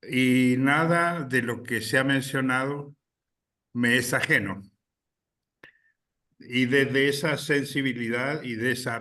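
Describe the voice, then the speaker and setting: A man from Chile, a guest speaker, giving a deliberate political talk with many pauses and fillers. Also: medium pitch, sharp tone, far from the mic.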